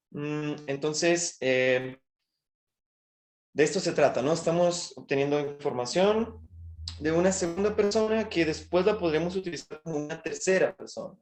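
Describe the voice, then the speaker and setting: A man's voice: a little high, normal speed, darkish tone. A man teaching a language class over a video call, patiently explaining and often checking in with short questions. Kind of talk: online class lesson.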